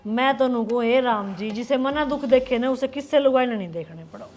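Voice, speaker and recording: Music plays under a high female voice. An actress plays a middle-aged wicked stepmother from a Haryanvi family serial, grumbling and full of self-pity as she airs her grievances in a strong Haryanvi accent. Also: normal speed, darkish tone, natural voice. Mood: bitter grumbling. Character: resentful, complaining stepmother and mother-in-law in village family. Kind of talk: web serial family drama acting.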